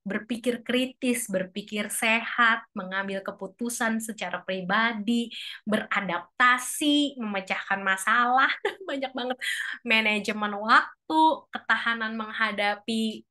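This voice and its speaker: A woman's voice: a little slow, bright, forceful tone. A woman giving a casual, chatty talk to a church couples' group. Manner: chatty, acts out quoted lines in a higher voice. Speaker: speaker at a church couples' fellowship.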